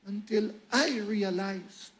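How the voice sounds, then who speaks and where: Delivering his testimony from the pulpit, this male preacher speaks slowly, yet his storytelling stays animated and emotional, rising at times to loud highs.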